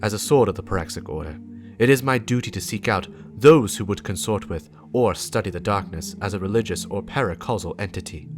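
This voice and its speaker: A man performs a dramatic lore reading as a stern, righteous warlock, his grave, deliberate delivery driving home emphatic warnings against corruption. His pitch is fairly low and close to an everyday speaking voice.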